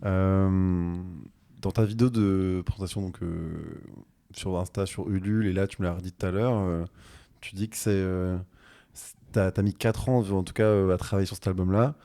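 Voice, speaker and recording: A man's voice: sits low, fairly even intonation, normal speed, warm tone. A man hosting a podcast, asking loose questions with many fillers. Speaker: podcast host. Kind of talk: interview questions.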